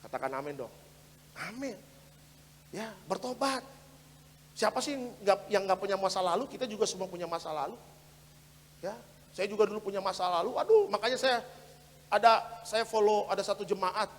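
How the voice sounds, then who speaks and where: A man preaching a sermon as pastor, fervent and direct with his congregation, switching between loud exhortation and quiet asides. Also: high voice, lively intonation, moderate pace, long pauses, a little hiss or hum. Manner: repeats phrases and addresses the congregation directly. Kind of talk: sermon for an online Sunday service. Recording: long hall reverb.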